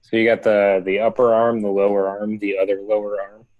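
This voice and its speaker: A man's voice: fairly low pitch, level tone, brisk, no echo, narrow, tinny audio. Easygoing man on a video call. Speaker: robot team member. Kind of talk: casual chat on a video call.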